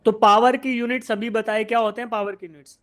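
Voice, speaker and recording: This is a man from India with a fairly high voice, teaching physics in a live online class. He lays out the idea one step at a time, fires questions at the students and answers them himself, and keeps calling them "beta". His technical come out. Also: level tone, a little fast, a bit bright. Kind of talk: live online exam-prep lecture.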